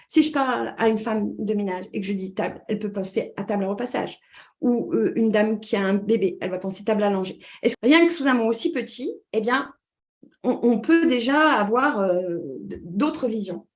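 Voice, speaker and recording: A woman with a slightly high voice explains ideas as a communication trainer. She talks with many fillers and restarts. She keeps checking that her listeners are following. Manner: checks in with listeners with repeated 'd'accord?'; hesitant restarts with frequent fillers. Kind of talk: explanatory talk.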